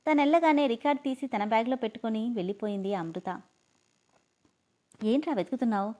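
A woman reads a story aloud, narrating the scenes in a plain, even manner. Her voice sits a little high for a woman. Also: fast. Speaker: story reader.

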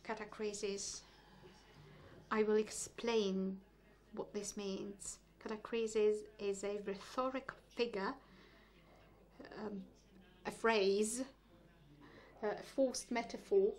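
A woman reading translated poetry aloud at a measured, deliberate pace, with a brief explanatory aside. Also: medium pitch, fairly even intonation, a little mellow. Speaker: poetry reader.

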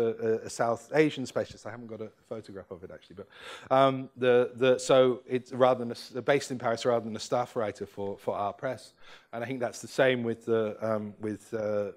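An older man giving a keynote lecture at a lectern in a hall, speaking haltingly with many fillers and restarts. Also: mid-range voice. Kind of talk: academic lecture. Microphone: lectern microphone.

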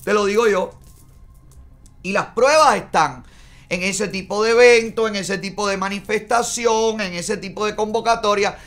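A man's voice: sits high, moderate pace, fairly bright tone, faint music behind. A middle-aged Cuban man hosting a studio show, giving indignant political commentary and gesturing a lot as he talks. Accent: Cuban Spanish. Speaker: host. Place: small studio in front of a bright backdrop.

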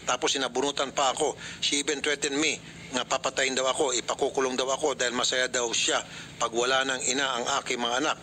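A man's voice: mid-range voice, little pitch movement, quick pace, pushed and bright, slight background noise. A middle-aged man hosting a mediation, firm and lecturing, often cutting in to question both sides. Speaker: host mediating a complaint. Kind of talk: public affairs radio mediation.

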